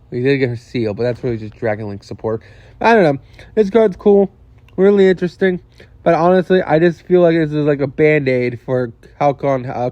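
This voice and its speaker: Here the young card-review host sounds a little high and a little mellow. He muses casually over game cards, frequently starting sentences over and dropping the odd curse. The audio is lo-fi with no echo.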